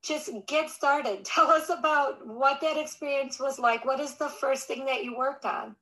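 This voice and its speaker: A woman's voice: high voice, steady tone, unhurried, bright, forceful tone, rough recording. A woman hosting a podcast interview, asking polite, structured questions. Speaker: podcast host.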